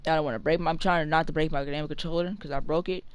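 A man's voice: a little high, steady tone, fast, clear, resonant tone, no room sound. A man streaming a video game live, chatting casually to his viewers, frustrated and swearing a lot. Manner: complains to viewers and talks to his pet. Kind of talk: casual live gaming commentary.

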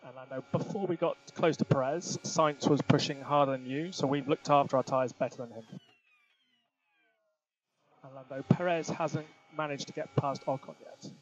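A Formula One race engineer gives clipped, procedural instructions to his driver through a radio headset. The noisy motorsport radio link has a team radio filter, cutting the highs from his mid-range voice, which is fairly even and moderately paced.

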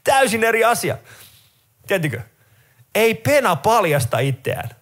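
A middle-aged Finnish man tells a stand-up set, lively and chatty. His voice sits a little high for a man. He leaps up in pitch whenever he acts out someone in his stories. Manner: animated storytelling, jumps into high voices for characters. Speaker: stand-up comedian.

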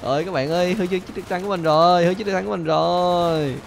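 A man hosting a gaming channel, chattering excitedly to viewers as he plays and repeating his phrases, with faint game gunfire behind him. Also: high-pitched, fast, gravelly, a little hiss or hum. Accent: Vietnamese. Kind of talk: excited gameplay commentary.

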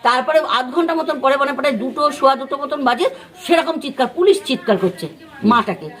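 Brief: high-pitched West Bengali woman, neighbour eyewitness, rambling retelling with acted-out quotes. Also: animated, a little fast, fairly bright tone. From West Bengal, India. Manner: rambling retelling with many fillers and restarts; acts out others' words in quoted speech. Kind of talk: on-the-spot news interview.

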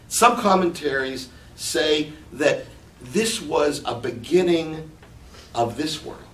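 Slow, lively-voiced man teaching scripture. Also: fairly high pitch. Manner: slow, reflective, explaining Hebrew words. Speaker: Bible teacher. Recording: echoey room, mic at a distance, faint background noise.

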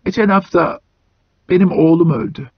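Man doing humble old sled driver, hoarse and strained, a bit higher than his normal voice, dull dry audio. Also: normal speed, no room sound. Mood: sorrowful. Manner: meek, mumbling. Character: grieving old sledge driver, meek and hoarse.

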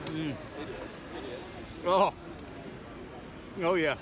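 Man talking while chewing, host, relishing fair food, highish voice, loud crowd behind. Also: drawn-out words. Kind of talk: casual food taste test. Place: busy state fair, outdoors. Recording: outdoor fair crowd noise. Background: crowd chatter.

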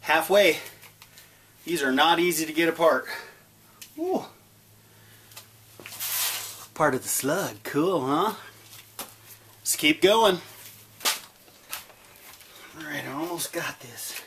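With a fairly high pitch and a somewhat bright sound, this forty-something vlog host speaks slowly and leaves long pauses. He chats in a relaxed, plain-spoken style to a close camera, outside in a yard and then inside a workshop, with a little hiss or hum in the audio.

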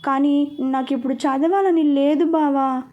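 A woman's voice: sits high, fairly even intonation, measured pace, highs cut off. A woman voicing a sulky, playful young woman in a storybook reading, pouting and teasing.

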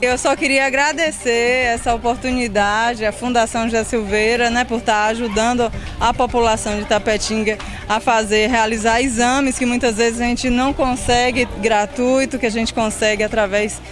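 A woman's voice: on the high side, steady tone, music in the background. A woman in her thirties thanking people in a street interview, speaking with some hesitations, into a handheld mic outdoors. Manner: grateful, halting speech. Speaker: local resident interviewed. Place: outdoors at a health fair. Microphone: handheld reporter mic.

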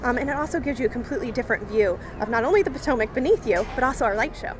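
A woman's voice: fairly high pitch, animated, racing. Upbeat young woman doing a promo interview outside, lots of ums, noisy outdoor plaza. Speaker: marketing director interviewed as guest. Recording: outdoor noise behind the voice.

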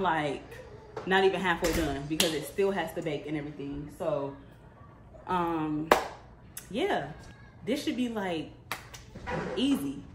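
A woman's voice: lowish voice, sharp tone, slight background noise. A young woman chatting casually to her viewers while cooking in a home kitchen, calling them y'all again and again. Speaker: vlogger.

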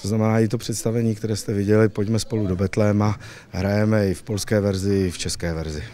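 A man in his thirties giving an on-camera interview in a halting way, searching for words, into a handheld microphone. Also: on the low side, steady tone, warm tone. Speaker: puppet theatre director being interviewed. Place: indoors, on a theatre stage.

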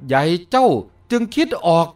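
A man's voice: on the high side, lively intonation, fairly quick, a bit bright, distant mic, faint music behind. A man voicing an earnest, blunt young hero in an audiobook. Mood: delighted.

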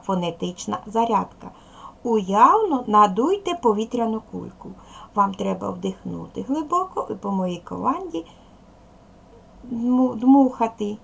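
A woman teacher talks slowly and patiently to young children in a recorded lesson. Her slightly high voice rises and falls a lot, with a gravelly edge. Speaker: primary school teacher. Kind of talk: recorded video lesson for second graders.

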